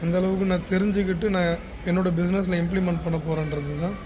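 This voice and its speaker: In a loud, busy international airport, a man from Chennai, India who founded a business speaks casually for his travel vlog. He has a Tamil Nadu accent and a high, steady voice, and he talks fast, with the public space's noise clearly heard behind him.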